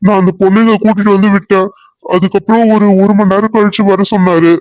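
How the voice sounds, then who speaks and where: A man's voice: sits high, level tone, fast talker, dry recording, natural voice. A man voicing a scared hired helper in a cartoon serial who pleads that he knows nothing. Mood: pleading. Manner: pleading, insistent denials. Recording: dull, dry lo-fi recording.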